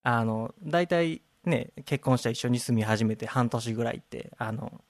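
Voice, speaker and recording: A man's voice: medium pitch, moderate pace, dry recording. A man with a Kansai accent, co-hosting a podcast in casual chat, easygoing and laughing often. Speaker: podcast co-host.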